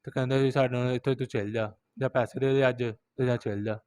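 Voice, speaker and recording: A man's voice: mid-range voice, steady tone, quick pace, darkish tone, clean tone, no echo. A man with a Pakistani Punjabi accent, a rickshaw driver interviewed in the street, recounting events and quoting others over and over.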